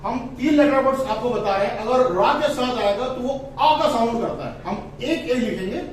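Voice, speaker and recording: A man with a very high voice teaches a phonics lesson, drawing out each letter and vowel slowly. He sounds set back from the microphone in a strongly echoing room, with faint ambient noise behind him. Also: distant mic. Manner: slow, drawn-out spelling of letters and words, stressing vowel sounds.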